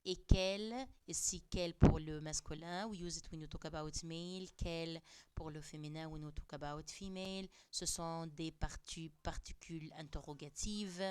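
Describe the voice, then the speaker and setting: A woman's voice: sits low, fairly even intonation, darkish tone, slight background noise. A woman teacher explaining French grammar to young pupils, translating each point into English as she goes. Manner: switches between French and English glosses, slow and deliberate. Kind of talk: classroom lesson explaining grammar.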